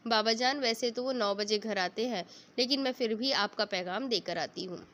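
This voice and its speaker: A woman reading the part of a lively, talkative young girl who teases and fusses over her family, in a storybook reading. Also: fairly high pitch, normal speed, dull audio, lightly acted. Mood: playful. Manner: playful, bossy chatter.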